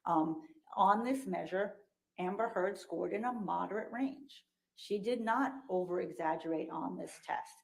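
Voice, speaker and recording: A woman's voice: fairly low pitch, creaky, darkish tone, rough recording. Woman testifying in a courtroom recording. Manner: measured, explanatory, clinical wording. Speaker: expert witness, clinical psychologist. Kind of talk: courtroom testimony under questioning.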